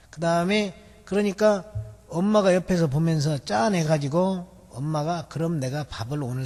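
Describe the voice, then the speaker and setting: Guy teaching memorization in a video lecture, slightly high husky voice, lots of um and uh, echoey hall. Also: a little mellow. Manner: explains step by step, with many fillers. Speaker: memory-technique instructor. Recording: long hall reverb.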